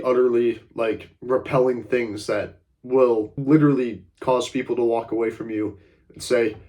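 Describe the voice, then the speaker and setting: Speaking straight into the camera, this young man gives self-improvement advice in a casual vlog, his voice congested, mid-pitched, and a little mellow. He's blunt, curses now and then, and fills his rambling with "like" and "uh."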